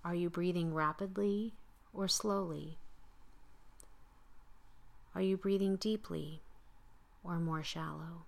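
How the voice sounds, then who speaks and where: A woman guiding a slow breathing meditation in a calm, soothing voice, often sinking into soft whispers. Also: fairly low pitch, vocal fry. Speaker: meditation guide.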